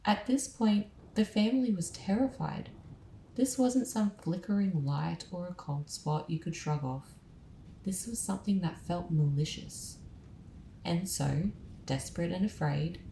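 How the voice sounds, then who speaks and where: A woman with a low, mellow voice delivers scripted true-crime narration, dramatic in tone and broken up by casual asides to the listener. Her voice carries a roomy echo. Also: slight background noise. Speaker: podcast host.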